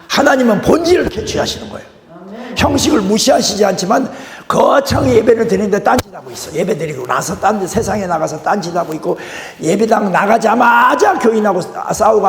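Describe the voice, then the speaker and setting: A man's voice: high-pitched, creaky. An older man preaching a guest sermon in a church, folksy, with joking asides to the congregation. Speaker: guest pastor. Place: church sanctuary. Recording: echoey church hall.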